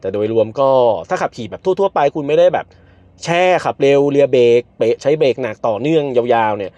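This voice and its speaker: A man reviewing a car from behind the wheel, counting down launches and shouting in excitement at the speed. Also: medium pitch, brisk, dry recording, muffled recording. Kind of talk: car review while driving. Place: inside a car on the road.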